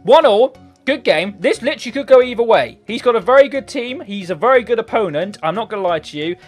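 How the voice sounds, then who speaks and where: A young man with a hoarse voice gives quick-paced live commentary on his football video game from a hot bedroom. Excitable, he swings between low muttering during lulls and shouting at every opportunity, with light music in the background.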